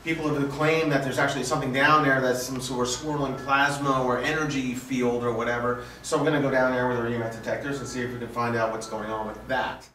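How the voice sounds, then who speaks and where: A man's voice: mid-range voice, flat delivery, fast, few pauses, a bit bright, far from the mic. A man hosting a paranormal investigation, casually explaining the plan on location. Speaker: paranormal investigator, team host. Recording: echoey, off-mic, faint background noise.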